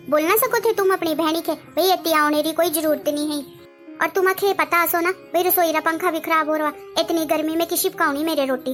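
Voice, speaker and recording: A woman's voice: extremely high pitch, a bit bright. A woman doing a sarcastic sister-in-law. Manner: scolding, sarcastic excuses. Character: sharp-tongued lazy sister-in-law, middle-aged woman.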